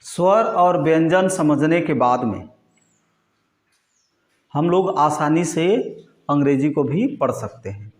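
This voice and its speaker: Slow-talking male teacher, high voice. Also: lively intonation, roomy sound. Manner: slow, asks questions and answers them himself; frequent "ठीक है" and "है नी" check-ins. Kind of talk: classroom lesson at a board.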